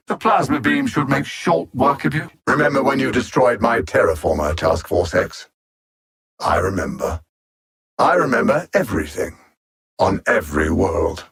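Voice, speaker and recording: Playing a condescending, cold alien machine intelligence that seeks conquest in a video game, the male actor uses a mid-range, husky voice with vocal fry as a full character voice. His stern, menacing lines are measured and sardonically understated.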